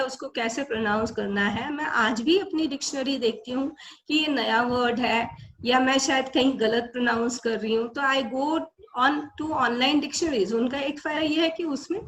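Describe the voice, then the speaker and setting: A woman's voice: high-pitched, a bit bright, a little hiss or hum, rough recording. An older woman from India giving a webinar lecture, explaining patiently and switching between Hindi and English. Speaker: webinar speaker.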